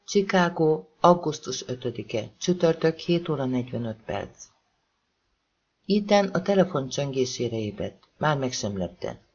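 A woman reading a novel aloud as an audiobook narrator, raising her pitch to voice the characters. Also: a little mellow, muffled recording, slight background noise. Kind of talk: scripted narration.

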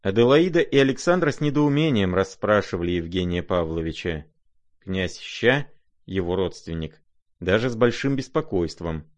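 Guy reading a classic novel aloud, lowish voice, measured and expressive. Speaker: audiobook narrator. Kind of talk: scripted narration of a classic novel.

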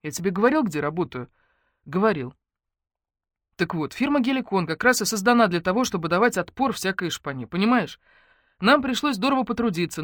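A woman voicing a calm, guarded young man in an audiobook, who speaks evenly with a lightly ironic, evasive manner. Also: fairly low pitch, no echo, studio quality, natural voice. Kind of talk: audiobook character voice.

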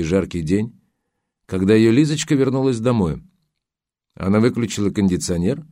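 A man reads an audiobook in a measured, steady way. His voice sits low, and the sound is dry and close, with no room echo. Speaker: audiobook narrator. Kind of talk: scripted audiobook narration.

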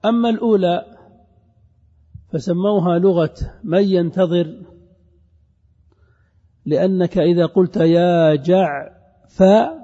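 A man teaching a classroom grammar lesson, drawing out recited verses and examples slowly and with emphasis, and calling on his students. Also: sits high, steady tone, mellow. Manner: addresses students directly. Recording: reverberant hall, dull lo-fi sound.

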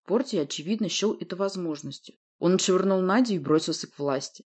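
A woman narrating a fantasy audiobook in the first person with expressive storytelling. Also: lowish voice, fairly quick, slightly rough.

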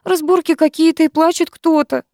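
A woman voicing a teenage schoolgirl friend who is scared yet quick with wisecracks. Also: very high voice, level tone, darkish tone, dry recording, studio quality, voice pushed up.

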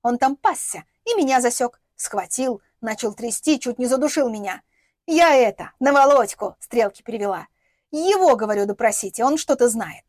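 A woman's voice: fairly high pitch, expressive, moderate pace, a little mellow, no echo, studio quality. A woman voicing a bitter, defiant young woman who sneers and speaks vehemently, in an audiobook.

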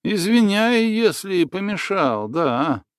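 A man reading the lines of a good-natured young forest hunter, gentle in manner and often tacking "да" onto his phrases. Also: high-pitched, big pitch swings, slow, no room sound, studio quality, voice pushed up, heavily acted. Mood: earnest.

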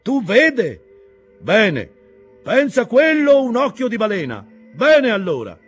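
A man voicing a fierce tattooed harpooner who speaks in short, broken, shouted phrases. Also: very high-pitched, wildly swooping pitch, takes it slowly, breathy edge, soft background music, voice pushed up, full character voice. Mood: commanding.

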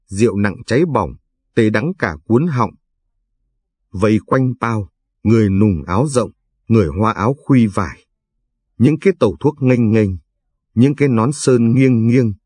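Husky low-voiced male narrator. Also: a little mellow, no echo. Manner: measured storytelling. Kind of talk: audiobook narration.

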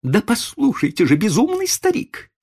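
A haughty rich lady who turns shrill and imperious when she is crossed, put on by a man reading an audiobook. Her voice sits high above the reader's own and is loud and pushy. Her pitch swings a lot. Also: wildly swooping pitch, normal speed, husky, exaggerated voice. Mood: hysterical. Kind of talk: audiobook narration.

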